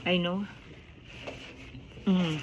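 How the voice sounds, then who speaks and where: A woman's voice: lowish voice, little pitch movement, drawn-out words, highs cut off. A woman with a Filipino accent chats casually to her mukbang viewers, chewing while talking. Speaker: vlogger hosting a mukbang. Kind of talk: casual mealtime vlog chat. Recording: clear background noise.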